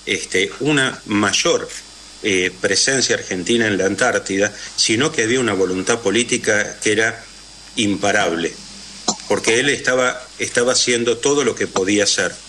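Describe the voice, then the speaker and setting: Low, forceful Rioplatense man telling history. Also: moderate pace, slight background noise. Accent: Rioplatense Spanish. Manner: storytelling, with frequent "eh" and "este" fillers. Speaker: interview guest. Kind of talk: radio interview.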